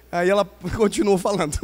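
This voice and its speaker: Male preacher, very high pitch, humorous storyteller, long hall reverb. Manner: playful, swings from loud emphasis to quiet asides. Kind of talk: pentecostal sermon with humorous stories. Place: large church hall.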